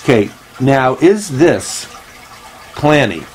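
A man's voice: medium pitch, sing-song, slow pace, darkish tone, poor audio. A man hosting a comedy show, rambling and meandering as he talks, recorded on a phone at home. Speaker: host. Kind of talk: comedic monologue.

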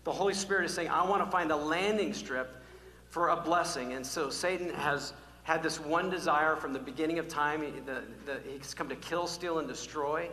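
A male pastor preaching a sermon to his church, emphatic and repetitive, swinging from loud calls to hushed, almost whispered lines. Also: on the high side, normal speed. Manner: emphatic, repeats key words, varies from loud calls to near-whisper. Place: church sanctuary. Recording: echoey hall, faint hum.

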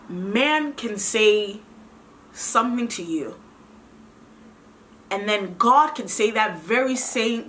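A woman's voice: medium pitch, bright, forceful tone, a little hiss or hum. A young woman sharing a faith testimony in an earnest, preachy way, often repeating herself and calling viewers sis. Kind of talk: heartfelt testimony talk.

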